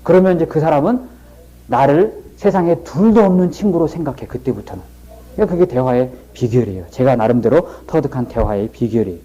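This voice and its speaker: A man's voice: fairly high pitch, warm tone, lo-fi sound. A middle-aged man giving a lecture and telling stories in a folksy, plain-spoken way. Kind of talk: storytelling lecture.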